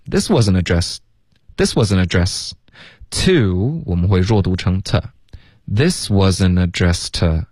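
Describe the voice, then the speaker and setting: A man teaching English on a radio lesson, switching between Chinese and English and slowly drilling phrases. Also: low-pitched, a little mellow, husky, dry recording, studio quality. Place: radio studio.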